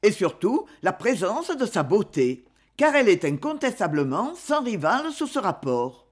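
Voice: medium pitch, very animated, moderate pace. A narrator voicing a worldly aristocratic father who speaks in a casual, amused, offhand way.

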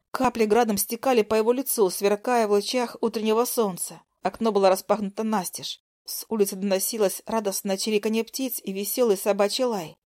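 A woman reading a first-person audiobook in an expressive, vivid way. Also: mid-range voice. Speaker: audiobook narrator.

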